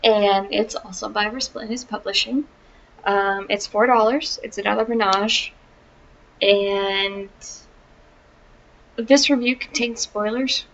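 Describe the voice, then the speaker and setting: A woman with a gravelly, fry-tinged voice talks slowly through a casual book review, wry and chatty with plenty of ums. The recording is dull and lo-fi, with a faint hiss behind her. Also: mid-range voice, steady tone, fairly bright tone. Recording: dull lo-fi sound with faint noise.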